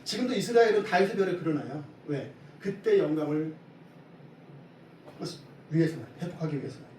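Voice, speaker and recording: High-voiced preaching man in echoey church. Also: a little fast. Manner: lively preaching, asks the congregation questions. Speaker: pastor. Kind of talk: Sunday sermon. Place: church sanctuary. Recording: echoey hall from far off, faint hiss.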